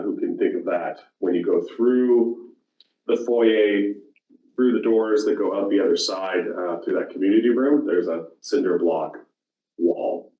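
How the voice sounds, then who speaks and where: Low, mellow-voiced man chairing a meeting. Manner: informal, halting, self-correcting. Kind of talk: chairing a public commission meeting. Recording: roomy, distant, dull council room audio.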